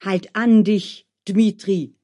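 A storyteller voicing a practical female cook who scolds and calms the others, in a storybook reading. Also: medium pitch, takes it slowly, pitched above the performer's own voice, natural voice. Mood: scolding. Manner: scolding, then soothing.

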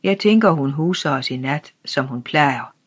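Reader voicing a calm, grave craftsman father. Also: mid-range voice, breathy edge. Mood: tender. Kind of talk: audiobook character reading.

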